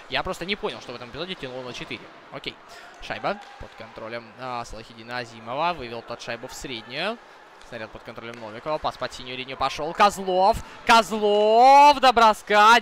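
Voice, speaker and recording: A man's voice: medium pitch, sharp tone, a little hiss or hum. A man commentating a hockey broadcast live, talking conversationally to viewers and thinking aloud.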